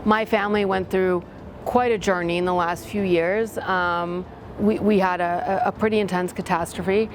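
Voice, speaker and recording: A woman from Latvia, both a school parent and a board member, offers a candid testimonial full of frank, self-deprecating humor and open, heartfelt emotion. Her lowish voice stays steady at a normal speed, with a music bed playing underneath.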